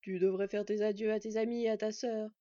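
A soft-spoken old one-eyed god, grave and kind, as a woman reads him aloud. Her tone stays dark and mellow, set in a dry, dull storybook recording. The manner is measured and gentle. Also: medium pitch, level tone, dry recording, close to an everyday voice. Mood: kindly.

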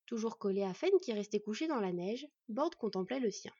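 Husky woman narrating a fantasy audiobook. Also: medium pitch, expressive, a little fast, mellow, dry recording, muffled recording.

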